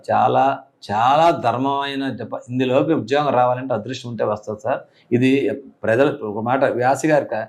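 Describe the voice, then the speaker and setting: A middle-aged man, a police officer, talking earnestly in an interview and rising high in pitch when he stresses a point. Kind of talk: casual interview talk.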